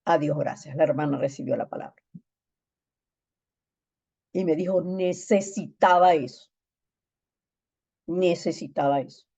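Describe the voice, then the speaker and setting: A woman's voice: low-pitched, moderate pace, vocal fry, pauses often, warm tone, slightly rough, dull audio. A woman pastor preaching a sermon, emphatic and repeating phrases for stress.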